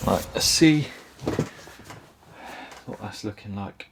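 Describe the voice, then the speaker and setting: A man's voice: on the low side, animated, slow, background noise. A man casually reviewing a camera on his boat, easygoing and thinking aloud as he goes. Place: on and around a canal boat.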